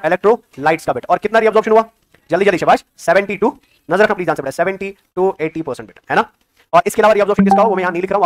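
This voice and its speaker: Male biology teacher, high voice, coaxing, quizzes students nonstop, hindi with english terms. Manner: coaxing, calls students "beta", keeps asking questions. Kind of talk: exam-prep lecture.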